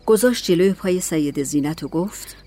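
A woman narrating a story in a calm, measured audiobook reading. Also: fairly low pitch, soft background music.

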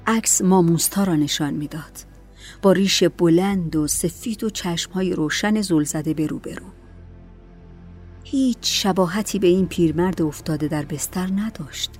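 A woman narrating a story in a calm, measured audiobook reading. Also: lowish voice, soft background music.

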